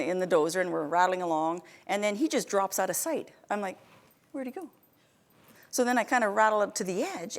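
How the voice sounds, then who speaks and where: A middle-aged woman giving a motivational keynote, telling stories in a chatty, animated way, restarting sentences often and laughing a lot. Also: medium pitch. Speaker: keynote speaker. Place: event stage before an audience.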